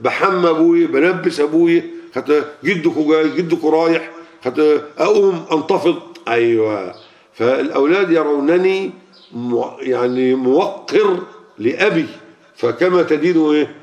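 A man's voice: on the high side, lively intonation, normal speed, darkish tone. A man with an Egyptian Arabic accent preaching a sermon to a gathering, talking colloquially and often asking the audience questions. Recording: lo-fi muffled recording.

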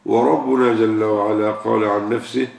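Older man, Egyptian Arabic accent, preaching sheikh, rhetorical questions, very gravelly, echoey distant mic. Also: on the low side, fairly even intonation, moderate pace, a little mellow. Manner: asks rhetorical questions and repeats key words for emphasis. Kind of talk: religious question-and-answer sermon. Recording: echoey room, far from the mic.

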